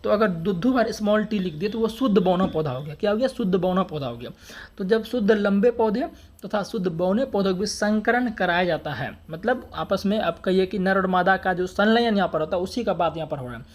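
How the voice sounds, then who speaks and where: A man's voice: high-pitched, lively intonation, a little fast. A man teaching an exam-prep science lesson, who keeps asking questions and answering them himself and repeats key terms, with dialect words in his Hindi. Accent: Hindi dialect words (बड़का, छोटका).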